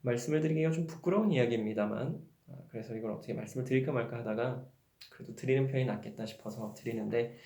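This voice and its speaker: A man's voice: mid-range voice, a little mellow. Male pastor preaching in an echoey church. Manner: candid personal storytelling, building to emphatic questions. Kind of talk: sermon. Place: church sanctuary. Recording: roomy church echo.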